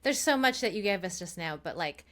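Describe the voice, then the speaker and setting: A woman's voice: mid-range voice, lively intonation, a little fast, fairly bright tone. Affirming woman interview host. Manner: affirming, laughs easily, summarizes the guest. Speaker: podcast host and psychologist. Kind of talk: casual interview chat.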